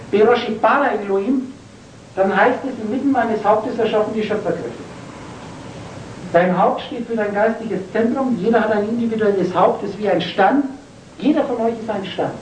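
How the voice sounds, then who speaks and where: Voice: medium pitch, darkish tone, slight background noise. A spiritual lecturer giving a preachy talk to a seated audience, full of rhetorical questions and spelling out words letter by letter. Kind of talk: esoteric lecture to a live audience. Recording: roomy, distant from the mic, faint ambience.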